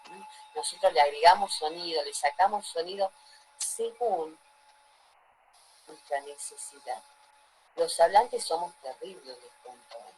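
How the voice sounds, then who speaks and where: A woman's voice: lowish voice, measured pace, long pauses, darkish tone, slight background noise, low-quality recording. Woman teacher lecturing a class. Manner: asks the class frequent check-in questions.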